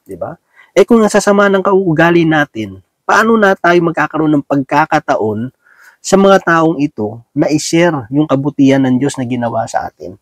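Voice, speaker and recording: A Filipino man preaches in a relaxed, talky way, often asking his listeners if they agree. His voice sits a little high for a man. The sound is dry and close, with no room echo. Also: moderate pace. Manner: folksy, asks "di ba?" often, acts out little scenes. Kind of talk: conversational sermon.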